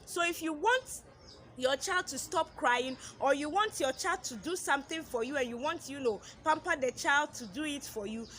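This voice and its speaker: A woman's voice: sits high, normal speed, fairly bright tone. A woman, a mother, giving earnest advice to other mothers in a casual vlog, repeating her points and acting out what children say. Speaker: parenting advice vlogger, mother.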